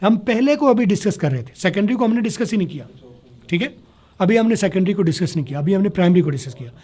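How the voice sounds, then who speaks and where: A man teaching spoken English to a class, spelling words letter by letter, slowing down to model sounds and checking that students follow. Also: sits high, expressive, mellow. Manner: slows down to demonstrate pronunciation. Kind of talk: classroom lecture.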